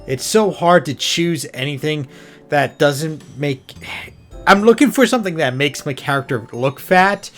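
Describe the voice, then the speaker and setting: A man's voice: on the high side, expressive, unhurried, fairly bright tone. A man hosting a gaming video with casual commentary, rambling and thinking aloud as he goes. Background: music behind the voice.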